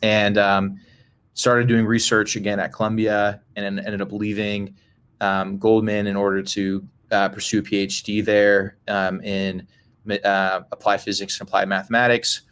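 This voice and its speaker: A man who grew up in Brazil answers interview questions at an unhurried pace, sprinkling his speech with fillers. His voice sits fairly low. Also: little pitch movement, a bit bright, clear, resonant tone. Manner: measured, many "um" and "you know" fillers. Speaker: interview guest, game creator. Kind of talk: casual interview chat.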